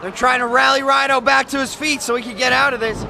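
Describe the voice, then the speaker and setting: Male play-by-play wrestling announcer, very high-pitched, emphatic and excitable, working over a clearly audible crowd. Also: fast talker. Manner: excitable, emphatic calling of the action. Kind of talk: live sports commentary. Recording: loud crowd noise behind. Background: wrestling event crowd.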